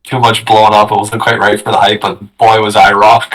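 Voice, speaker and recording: A man's voice: lowish voice, flat delivery, normal speed, fairly bright tone, far from the mic, low-quality recording. A man co-hosting a podcast, chatting in an easygoing way with brief, agreeable replies. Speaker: podcast co-host. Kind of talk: casual chat.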